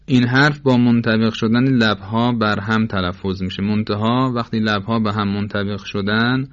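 A man gives a formal, methodical lesson, explaining each point patiently. His voice sits on the low side. The recording is dull and lo-fi. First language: Persian. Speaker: Quran recitation teacher.

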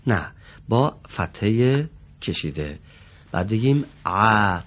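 Patient low-voiced male Quran teacher. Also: very animated, fairly bright tone, highs cut off. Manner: patient, polite, corrects pronunciation. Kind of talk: classroom recitation lesson.

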